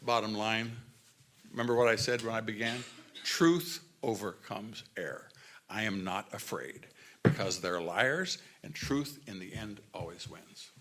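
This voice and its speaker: A man's voice: on the low side, unhurried, background noise. A man speaking at a forum panel, answering questions in an emphatic, plainspoken way. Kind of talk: panel remarks.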